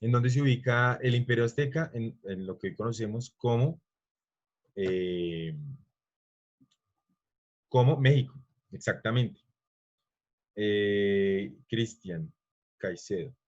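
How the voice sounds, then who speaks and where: A man's voice: fairly low pitch, slow, long pauses. Man, teacher, online class, rambling lecture, quizzes students, muffled lo-fi audio. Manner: rambling, stops to quiz students.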